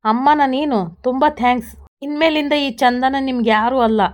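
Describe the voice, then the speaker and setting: A woman's voice: high voice, moderate pace, lightly acted. A woman reading a defiant, wounded young woman.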